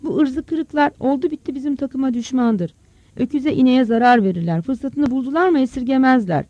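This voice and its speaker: A narrator voicing a rough, hot-tempered village farmer who shouts and scolds gruffly in an audiobook story. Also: sits high, moderate pace, no room sound, pitched above the performer's own voice. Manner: gruff, calls out loudly. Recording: dull, dry close recording.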